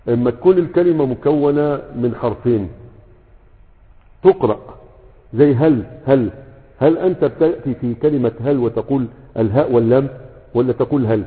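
Fast-talking Egyptian man teaching grammar. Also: mid-range voice. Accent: Egyptian Arabic. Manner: keeps checking in with rhetorical questions. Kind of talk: lecture with a class. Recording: echoey, tinny phone-like sound.

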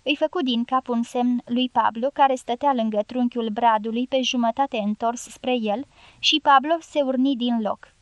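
A woman narrating a literary audiobook in an even, measured reading. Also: a little high, no echo.

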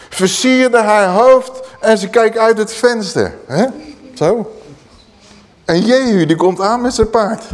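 Middle-aged male preacher, fairly high voice, lively Bible storytelling, blunt colloquial asides. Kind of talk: sermon.

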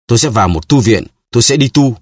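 A man's voice: deep voice, very animated, quick pace, fairly bright tone, breathy edge, no room sound, studio quality, heavily acted. A man reading an audiobook, voicing a desperate cursed noblewoman who pleads for her life in a wailing voice. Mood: pleading.

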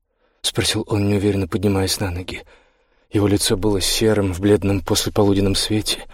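Brief: male audiobook narrator, low, husky, dry studio sound. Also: flat delivery, brisk, no echo. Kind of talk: scripted narration.

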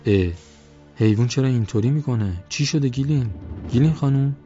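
A man voicing an anxious, sharp-tongued village woman who scolds and shouts, in a dull lo-fi recording with faint music behind. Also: on the low side, lightly acted. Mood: agitated.

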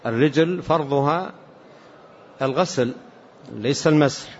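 A man teaching as a sheikh, explaining hadith in a measured way and repeating key points. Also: on the high side. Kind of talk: religious lesson commentary. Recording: dull lo-fi lecture recording with faint hiss.

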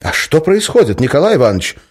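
A man's voice: fairly high pitch, expressive, brisk, voice pushed up. A man voicing an indignant woman prisoner who makes formal demands. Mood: worried. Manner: prim, demanding.

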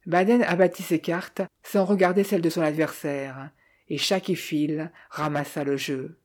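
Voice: mid-range voice, steady tone, moderate pace, a little mellow. Narrateur posé à la voix sombre. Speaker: audiobook narrator. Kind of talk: scripted narration of a detective novel.

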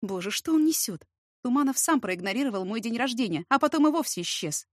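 A woman reading a novel aloud as a first-person narrator, steady and expressive. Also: fairly high pitch, a little fast, no echo, studio quality. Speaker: audiobook narrator.

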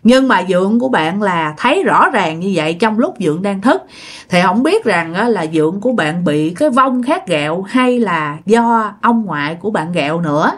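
A woman's voice: medium pitch, normal speed. Southern vietnamese woman telling ghost stories, chatty, voice bounces all over. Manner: chatty, animated, repeats words for effect. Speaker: storyteller. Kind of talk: retelling listener ghost stories.

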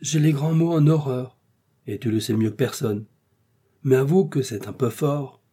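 Man reading as a sarcastic young gentleman, warm husky voice, pitched up, loud and emphatic. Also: moderate pace, close to an everyday voice. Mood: scolding. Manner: mocking, lively, emphatic. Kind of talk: audiobook character reading.

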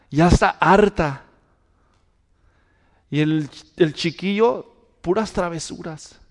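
A man preaching a sermon as pastor, telling lively stories and asking his listeners rhetorical questions. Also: fairly high pitch. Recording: long reverb of a hall.

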